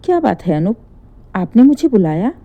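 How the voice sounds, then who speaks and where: A woman's voice: mid-range voice, big pitch swings, normal speed, dark tone. A woman doing a sly, sweet-talking young daughter-in-law. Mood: mock-innocent. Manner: sweet, mock-innocent pleading.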